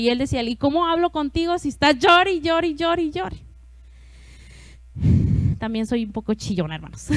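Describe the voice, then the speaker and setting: A woman's voice: sits high, no echo. A woman preaching a testimony in church, chatty, laughing often and calling out to her congregation. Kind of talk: testimony sermon.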